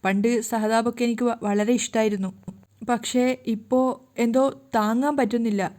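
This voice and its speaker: A woman narrator voicing an ailing older mother, gentle and self-sacrificing, speaking slowly and softly. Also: on the high side, steady tone, close to an everyday voice.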